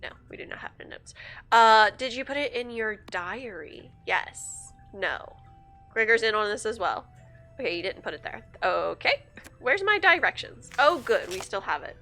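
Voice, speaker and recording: Soft music plays under a young woman's slightly high, sing-song, sharp voice at a normal pace. Sick and sniffling with a blocked nose, she chats happily on her gaming livestream, reasoning aloud and laughing often.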